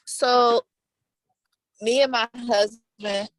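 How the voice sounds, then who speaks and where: A woman's voice: a little high, fairly even intonation, extremely slow. A woman calling in while driving home, speaking hesitantly and apologetically as her call audio breaks up and cuts in and out. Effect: call audio breaking up and cutting in and out. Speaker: caller asking about insurance. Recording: distant, dropping call audio.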